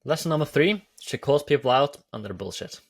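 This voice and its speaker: Norwegian guy talking to camera, eager commentary, repeats himself a lot, average pitch. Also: expressive, fairly quick, very noisy. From Norway. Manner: enthusiastic, repetitive phrasing. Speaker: YouTube host.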